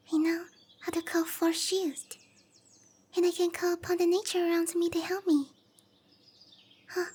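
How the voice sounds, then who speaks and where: In anime-style roleplay ASMR, a very high, girlish voice plays a tiny young cowgirl monster girl, a shy but eager support mage. She's bashful and hesitant, slipping breathy murmurs between bursts of bright chatter.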